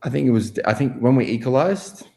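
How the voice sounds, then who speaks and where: A young man, answering interview questions in a halting way, full of fillers and restarts. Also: medium pitch, gravelly, a little mellow. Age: 20s. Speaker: guest goalkeeper.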